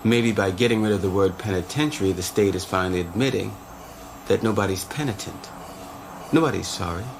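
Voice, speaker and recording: A wry prison inmate narrator. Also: male voice, fairly low pitch, a little fast, vocal fry. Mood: reflective. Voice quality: sardonic, blunt and profane. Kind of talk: scripted TV drama monologue. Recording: audible background noise.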